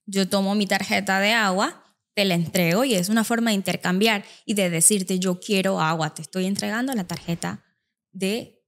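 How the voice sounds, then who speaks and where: A woman speech therapist guest, explaining methods in a calm, methodical way. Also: medium pitch, normal speed. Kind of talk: explanatory podcast conversation.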